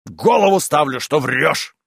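A man voicing a boisterous, rude male landowner who shouts and bullies in an audiobook reading. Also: on the high side, animated, unhurried, vocal fry, slightly rough, no echo, studio quality, full character voice. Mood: blustering. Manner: shouting, blustering, pushy.

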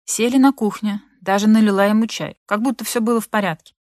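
A woman narrating a literary audiobook in an expressive, measured manner. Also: mid-range voice, dry recording, studio quality.

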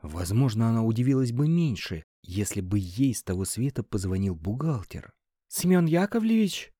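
A male narrator reading an audiobook with animated, rising and falling intonation. His voice sits at a middle pitch and sounds close and dry, with no room around it. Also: no echo. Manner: expressive storytelling with lively intonation.

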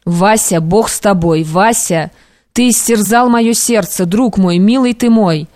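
A woman's voice: medium pitch, a little slow, a little mellow, dry recording, studio quality, close to an everyday voice. A woman voicing a devoted young male friend who speaks urgently and beseechingly, in an audiobook. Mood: worried.

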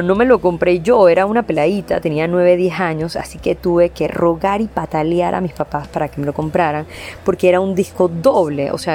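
A woman's voice: on the low side, darkish tone. A young Panamanian woman with a Panamanian Spanish accent, a band singer answering interview questions in a chatty way, with many "eh" fillers. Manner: chatty, lists things with frequent "eh" fillers.

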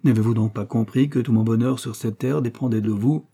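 A man voicing a passionate, heartbroken young suitor who implores with feeling, in a dark husky voice. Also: mid-range voice, moderate pace, natural voice. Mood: passionate imploring.

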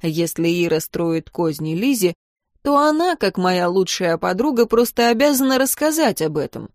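A woman's voice: on the low side, sing-song, normal speed, darkish tone, dry recording. Woman narrating a first-person audiobook, dry. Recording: dry close recording.

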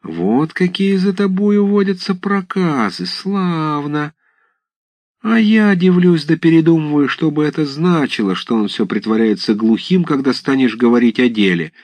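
A man's voice: on the high side, lively intonation, a little slow, a little mellow, no room sound, pitched above the performer's own voice. A man voicing a bold young village lad in a storybook reading, with a sly, taunting manner. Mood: mocking.

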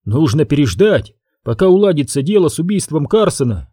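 A man reading an audiobook, voicing a rancher's young son who speaks quietly and calmly. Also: fairly high pitch, a little fast, no room sound, studio quality. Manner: quiet, calm.

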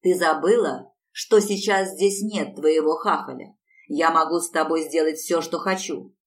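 A woman's voice: low-pitched, fairly even intonation, brisk, a bit bright. A woman reading the part of a coarse, bullying man who barks threats and orders, picked up from a distance. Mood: menacing. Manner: menacing, barking orders. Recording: distant mic.

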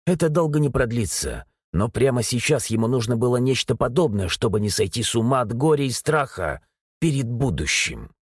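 A man narrating a dark novel as an audiobook, in an expressive storytelling manner. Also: medium pitch, brisk, breathy edge, no room sound, clean studio sound. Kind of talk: scripted narration.

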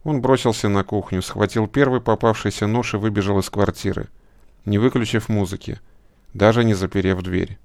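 Low, gravelly male narrator. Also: fairly even intonation, normal speed, darkish tone, no room sound. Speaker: audiobook narrator. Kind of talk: scripted narration.

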